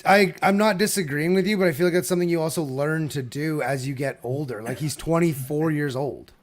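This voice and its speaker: Heated, fairly high-voiced man arguing sports. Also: brisk. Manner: heated, swears freely, repeats himself. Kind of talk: casual sports debate.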